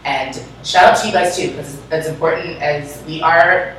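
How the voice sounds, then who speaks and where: A low-voiced woman speaks as an event planner, enthusiastic and full of fillers. The sound is very echoey, with the mic set back, and faint noise hangs behind her. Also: steady tone, normal speed, a bit bright. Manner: enthusiastic, filler-heavy, says "like" often. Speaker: event planner, podcast co-host. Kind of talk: casual chat. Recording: echoey room, mic at a distance.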